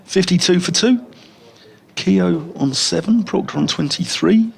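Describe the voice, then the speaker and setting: A man's voice: high voice, lively intonation, a little slow, gravelly, a little hiss or hum. A man commentating on cricket, chatting and joking between deliveries in a rambling way. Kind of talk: radio cricket commentary with chat.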